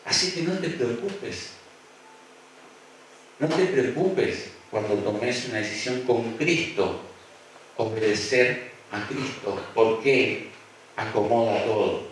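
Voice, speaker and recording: A man's voice: mid-range voice, slow, long pauses, a little hiss or hum. A man with an Argentine accent preaching a sermon, acting out voices and repeating phrases for emphasis. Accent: Argentine Spanish. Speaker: pastor. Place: church hall. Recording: echoey church hall, mic far off.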